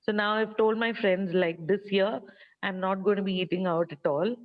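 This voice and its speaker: A woman's voice: medium pitch, steady tone, moderate pace. A woman on a group coaching call who talks openly and replies with brief agreements. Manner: open, agreeable, brief assents. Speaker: caller in a coaching session. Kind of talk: casual talk on a call. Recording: distant, dull lo-fi call audio.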